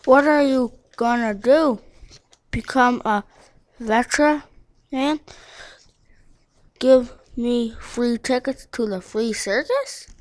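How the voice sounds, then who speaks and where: A worn-out old dog drawls his lines slowly, sardonic and unimpressed, in a storybook. A woman plays him with a high voice. The recording is close with no room. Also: no echo. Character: gruff, weary old male dog. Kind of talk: storybook read-aloud.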